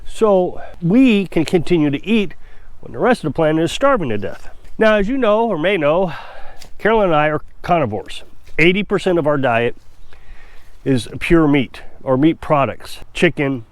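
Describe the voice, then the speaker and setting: An off-grid homestead vlogger from Missouri, congested from a cold, talks casually and opinionatedly to camera in a chatty, rambling, self-assured way. His stuffy voice is fairly high with lively intonation at a moderate pace, on a dry recording.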